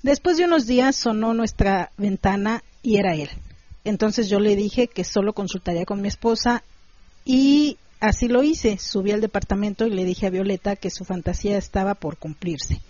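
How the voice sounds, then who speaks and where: A woman reading a first-person adult story in a steady, measured way. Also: medium pitch, no echo. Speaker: story narrator. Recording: dull, dry close recording.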